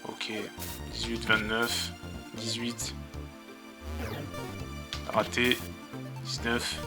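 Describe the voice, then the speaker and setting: A man's voice: medium pitch, monotone, extremely slow, vocal fry, over loud music. Muttering man playing a video game. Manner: swears, mutters to himself. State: sore throat from voice acting. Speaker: let's play host. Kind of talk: casual gameplay commentary.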